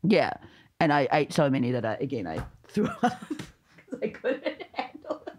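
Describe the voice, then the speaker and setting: A woman's voice: deep voice, huge pitch swings, normal speed, slight background noise. Woman, podcast guest, casual chat, chatty storyteller, frequent laughs, filler words.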